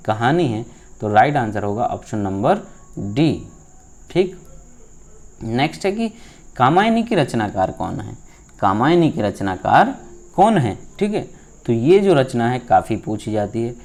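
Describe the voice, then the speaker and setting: Male exam-prep teacher, mid pitch, lecturing style with rhetorical questions and check-ins. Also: darkish tone. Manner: rhetorical questions, frequent "theek hai" checks; exhorting, lecturing viewers. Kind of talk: exam practice lesson.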